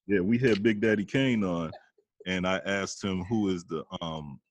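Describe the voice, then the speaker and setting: A low-voiced man co-hosting a podcast. He asks easygoing questions that halt and restart as he goes, recorded with a dry, close sound. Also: measured pace, dry recording. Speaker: podcast co-host. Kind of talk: casual interview questions.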